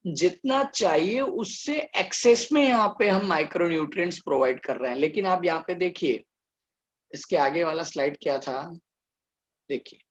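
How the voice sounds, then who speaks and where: A man teaching a biology lecture, reading slide lines out slowly and then explaining them step by step. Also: high-pitched, low-quality recording.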